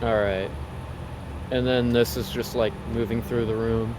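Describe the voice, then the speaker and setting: A man's voice: mid-range voice, level tone, measured pace, background noise. A young man on a game stream, trading dry jokes and short replies while learning a route. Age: young adult. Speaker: guest learning a speedrun. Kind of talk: casual gameplay chat.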